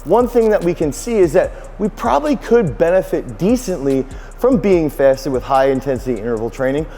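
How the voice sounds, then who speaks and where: Energetic strength coach with hall echo. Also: male voice, on the high side, moderate pace, faint music behind. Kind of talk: sponsored fitness explainer.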